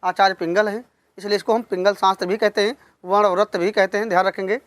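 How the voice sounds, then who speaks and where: A woman teaching a lesson on poetics, slowly repeating key terms and asking questions that she then answers herself. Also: mid-range voice, steady tone, no echo. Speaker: Hindi literature teacher. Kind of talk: online exam-prep lesson.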